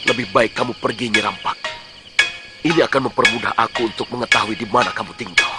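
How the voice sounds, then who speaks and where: A man's voice: fairly low pitch, fast talker, over loud music, lightly acted. A man playing a shrewd, calculating warrior in an Indonesian historical fantasy drama. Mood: quietly scheming.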